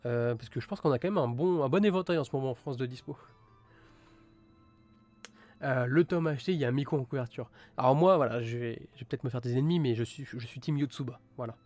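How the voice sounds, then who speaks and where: A man's voice: medium pitch, a little mellow. A man chatting casually on a live stream, reviewing manga with many fillers and restarts. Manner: enthusiastic about gory titles.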